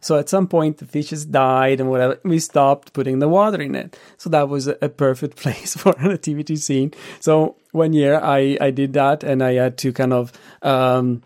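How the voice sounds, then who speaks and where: Wry man with a mid-pitched voice. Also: fairly even intonation, moderate pace, few pauses, a little mellow. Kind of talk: casual anecdotal chat.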